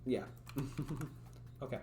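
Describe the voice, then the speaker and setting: Speaking slowly, a male streamer codes live and thinks out loud, rambling, chatting with viewers and frequently laughing. Long talking has left his voice slightly raspy, and the audio carries a roomy echo with faint music.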